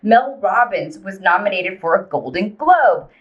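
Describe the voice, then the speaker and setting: A woman's voice: medium pitch, expressive, unhurried. An upbeat woman co-host runs through news segments and introductions in a chatty voice. The audio is dull and somewhat lo-fi.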